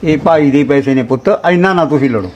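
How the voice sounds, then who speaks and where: A middle-aged man playing a soft-hearted father who keeps calming his quarrelling family in a Punjabi short drama. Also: mid-range voice, a little fast, lo-fi sound, lightly acted. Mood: soothing. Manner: placating, calls everyone son. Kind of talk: Punjabi short-film acting.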